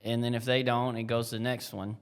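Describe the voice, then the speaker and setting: A man's voice: mid-range voice, flat delivery, clear, resonant tone. A man, a girls' basketball coach talking in an easygoing, plainspoken way. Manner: easygoing, plainspoken, drawn-out explanations. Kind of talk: casual chat.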